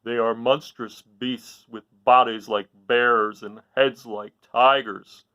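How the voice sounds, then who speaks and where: A man voicing a big storybook lion, fearful yet brave, with a drawn-out, emphatic delivery. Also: mid-range voice, fairly even intonation, bright, forceful tone, dull audio. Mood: awed dread.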